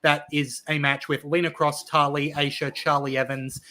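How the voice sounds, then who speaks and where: An Australian man hosting a wrestling podcast, rattling off event listings in a casual chat with excited emphasis. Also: fairly high pitch, normal speed.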